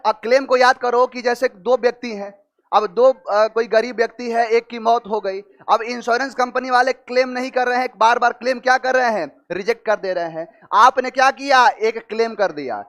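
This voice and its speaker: Very high-voiced man teaching vocabulary. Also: a bit bright. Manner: explains with rhetorical questions, stretches key words slowly. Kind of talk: exam-prep vocabulary lesson with memory tricks.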